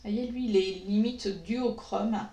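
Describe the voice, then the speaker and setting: A French-speaking woman doing a makeup tutorial, talking slowly with many pauses and fillers. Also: mid-range voice, steady tone, mellow. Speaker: beauty vlogger. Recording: echoey room.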